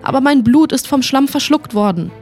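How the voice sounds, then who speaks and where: A woman reading an audiobook story voices a young blood mage who is exhausted, calling out urgently in a slightly raised, higher voice. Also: lively intonation, moderate pace, a little mellow, soft background music.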